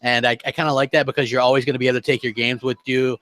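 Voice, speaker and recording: A man co-hosting a casual gaming podcast chat, animated and fond of mimicking others. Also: mid-range voice, racing, no room sound. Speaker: co-host.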